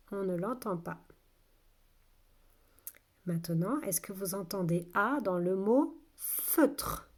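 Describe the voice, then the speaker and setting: A woman teaching a phonics lesson to young children, saying each word slowly twice in an exaggerated way, patient and clear. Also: medium pitch, darkish tone. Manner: slow, exaggerated word pronunciation. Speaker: kindergarten teacher.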